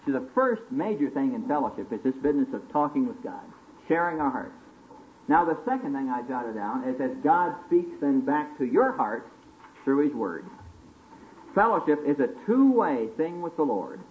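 Very animated and speaking at a normal pace, a preacher at a church retreat teaches a seated group through a conversational sermon packed with stories and questions, now and then breaking into booming motivational appeals. The tape is old and tinny with limited bandwidth and a layer of hiss.

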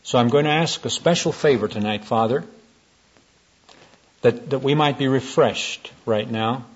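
A man born in the United States preaching a sermon at a church gathering. He tells stories in a folksy way, then turns to gentle, earnest prayer. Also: mid-range voice, measured pace, husky. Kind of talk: sermon with storytelling. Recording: dull lo-fi recording.

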